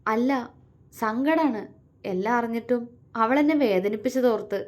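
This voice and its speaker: A woman voicing an emotional young wife in a love story, speaking earnestly in a high voice. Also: moderate pace, close to an everyday voice. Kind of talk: storytelling dialogue.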